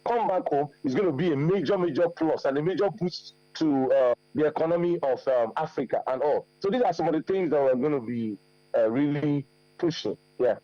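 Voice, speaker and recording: A man's voice: fairly high pitch, brisk, warm tone, dry recording, muffled recording. A man answering questions as a guest on a TV news interview, emphatic, repeating key points with many fillers. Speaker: forum organizer guest.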